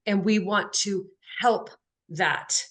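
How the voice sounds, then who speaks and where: A woman's voice: mid-range voice, slow, a bit bright. Woman podcast host, mid-range voice, earnest spiritual conversation. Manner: earnest, talks about soul and energy.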